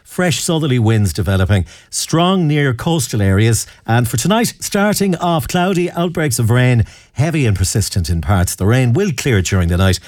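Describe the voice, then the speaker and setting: A man's voice: medium pitch, sing-song, normal speed, a little mellow, dry recording, studio quality. An Irish man presenting a radio weather forecast in a chatty, conversational way.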